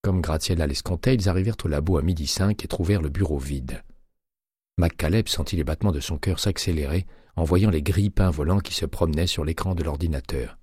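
Deep husky male audiobook narrator. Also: dry recording, studio quality. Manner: steady, measured reading. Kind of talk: scripted narration.

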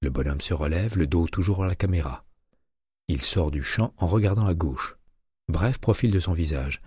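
A man narrating a crime novel audiobook in a measured, even reading. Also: low-pitched, husky, no echo, clean studio sound.

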